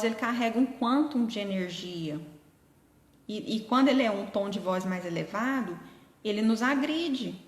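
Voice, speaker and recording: A middle-aged woman hosting a live stream, speaking gently and earnestly and answering her viewers' comments. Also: on the high side. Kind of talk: casual live chat with viewers. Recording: echoey room with long reverb.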